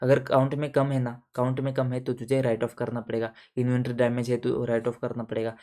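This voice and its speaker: A man's voice: medium pitch, monotone, brisk, dark tone. A man teaching an audit exam lecture in a casual, buddy-like way, repeating points and checking that students follow. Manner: casual, addresses students as buddies with everyday shop examples.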